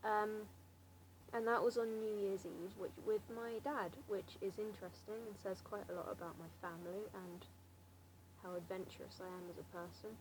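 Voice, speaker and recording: A clearly noisy amateur recording of a young woman of about seventeen with a southern English accent. Her pitch is average for a woman. She rambles casually and hesitantly, with a wry, self-deprecating manner. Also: fairly even intonation, moderate pace. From Slough, England. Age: late teens, seventeen. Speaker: amateur vlogger answering a challenge. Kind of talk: casual rambling chat to camera.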